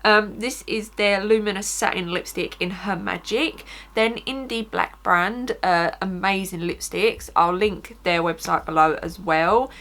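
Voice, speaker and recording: A woman's voice: mid-range voice, a little slow, few pauses, a bit bright. A woman with an Essex accent talking informally through a casual makeup tutorial as a beauty vlogger, often saying "like". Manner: informal, chatty, frequent "like".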